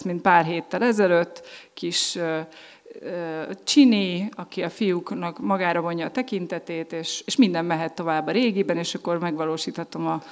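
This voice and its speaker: A woman's voice: on the low side, long reverb tail. A woman giving an earnest personal testimony, often hesitating and restarting as she speaks.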